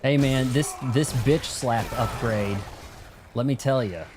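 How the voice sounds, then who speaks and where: A man giving casual, slangy commentary as he plays a game, rambling and thinking out loud. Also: mid-range voice, takes it slowly, noisy background. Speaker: video game streamer. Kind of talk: casual first-playthrough commentary.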